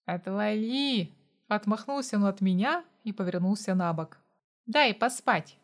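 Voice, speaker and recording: A woman's voice: medium pitch, expressive, measured pace, natural voice. A woman reading the lines of a blunt, hungover young man who grumbles and pleads, in an audiobook story. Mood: grumpy.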